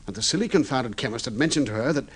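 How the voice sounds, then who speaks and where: In a slightly muffled vintage radio drama, an actor plays an agitated, guilty husband who confesses anxiously. His medium-pitched voice is expressive, fast, and a bit breathy. He pleads earnestly, flustered and hesitant, stumbling over his words and repeating himself.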